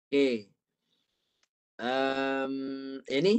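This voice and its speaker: A man's voice: medium pitch, steady tone, extremely slow, clean tone. A man with a Malaysian Malay accent teaching an online Quran reading class, patiently modelling sounds for his student to repeat. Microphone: video call.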